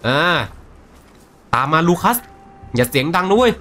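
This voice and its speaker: A man's voice: fairly high pitch, very animated, normal speed, a bit bright, a little hiss or hum. A man streaming a video game, translating the characters' lines aloud and chatting about them as he plays. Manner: voices characters' lines and reacts between them. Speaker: gaming streamer. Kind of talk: live game commentary with voice-over translation.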